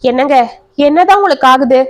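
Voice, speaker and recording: A woman's voice: sits high, fairly quick, close to an everyday voice. A woman voicing a worried young wife who pleads anxiously with her husband, in a storybook reading. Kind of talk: storybook narration.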